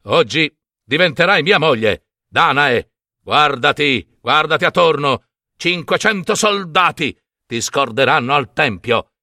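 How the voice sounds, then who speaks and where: A man's voice: fairly high pitch, animated, measured pace, bright, forceful tone, no echo, clean studio sound, heavily acted. A man voicing an arrogant, cruel king who mocks and commands in a storybook reading. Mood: stern, commanding. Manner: mocking, scornful.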